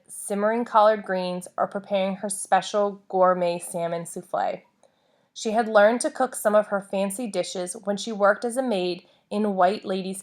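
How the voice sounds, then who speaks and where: Casting: female narrator for memoir read-aloud, mid-pitched voice, deliberate phrasing, short measured groups. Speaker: audiobook-style reader of a memoir.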